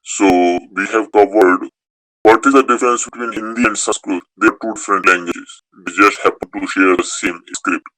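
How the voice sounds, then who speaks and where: A man's voice: on the low side, fairly even intonation, normal speed, sharp tone, no room sound, rough recording. A man teaching a beginners' Sanskrit class, explaining rules step by step and repeating key points. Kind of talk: online class lecture.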